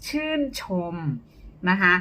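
A woman teacher giving a short lesson on charming speech, explaining clearly and shifting her tone to demonstrate. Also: slow pace, pushed and bright. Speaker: speaking-skills teacher. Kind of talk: short instructional talk to camera.

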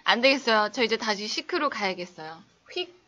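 A young English teacher on a casual live stream talks briskly with lively intonation and a pushed, bright voice. She laughs, reads messages from viewers, and playfully acts out little scenes in exaggerated high voices.

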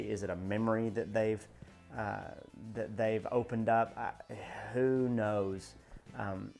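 A man's voice: lowish voice, vocal fry, a little mellow. A man in his thirties chatting through a show breakdown in a casual video, with many fillers and restarts, recorded indoors in a small studio. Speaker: show reviewer. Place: indoor home studio in front of a backdrop.

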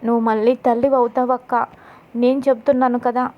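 A woman's voice: on the high side, little pitch movement, fast, dull audio, slight background noise, lightly acted. A woman narrator voicing a young woman who defends her sister, speaking indignantly and pleadingly. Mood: consoling.

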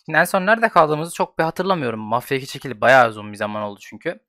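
A man's voice: medium pitch, lively intonation, rapid-fire, a bit bright, no room sound, studio quality. A young man giving casual, joking let's-play commentary full of swearing. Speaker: gaming YouTuber.

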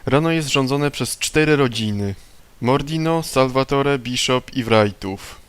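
A man's voice: medium pitch, measured pace, clear, resonant tone, dry recording, natural voice. A man reading the lines of a wry, streetwise male informant from a video game, in his plain voice. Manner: reads game dialogue aloud plainly. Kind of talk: reading game dialogue aloud.

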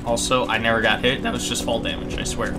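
A young man doing casual, jokey gameplay commentary, excitable, with sudden yelps and muttered asides. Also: mid-range voice, quick pace, music in the background. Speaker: gaming streamer.

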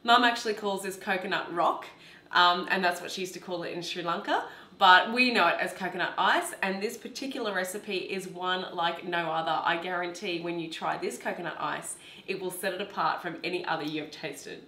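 A woman's voice: lowish voice, a little fast. Woman teaching a home recipe. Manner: warm, instructive, chatty. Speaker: cooking show host. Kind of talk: cooking demonstration. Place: home kitchen, indoors. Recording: echoey home kitchen.

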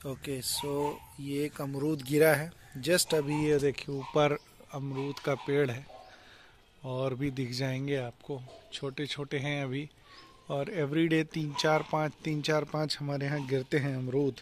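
Man giving a flat, relaxed garden tour. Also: medium pitch, slow pace, a little hiss or hum. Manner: relaxed, explanatory, mixes English words into Hindi. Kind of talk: casual walk-and-talk garden tour. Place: outdoors in a home garden. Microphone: handheld phone or action camera, point-of-view. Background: faint outdoor ambience.

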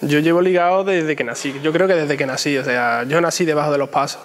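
A young man gives conversational interview answers in a voice a little higher than average. He speaks in short phrases and often repeats them for emphasis. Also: fairly even intonation, fairly quick. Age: young adult. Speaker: interview guest. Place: inside an ornate church.

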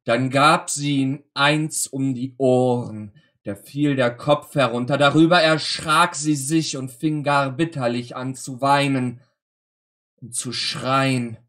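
A man reading a grim old fairy tale aloud with a slow, dramatic delivery and deliberate pauses. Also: medium pitch, steady tone, fairly bright tone. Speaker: storyteller.

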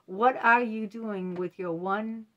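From a home room full of bookshelves, a self-help host in her late fifties speaks slowly and emphatically to a close desk webcam, repeating key words and saying "you know" a lot. Her voice is medium-pitched, and the recording has its highs cut off.

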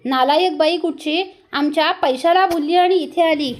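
A domineering mother-in-law scolds in a high, sharp voice, put on by a woman telling the story. Her manner is harsh and commanding. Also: normal speed. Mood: furious.

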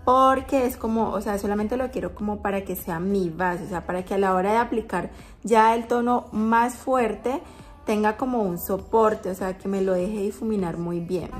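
A woman's voice: medium pitch, moderate pace. A woman vlogger talking through a makeup tutorial, chatty and explaining each step as she goes.

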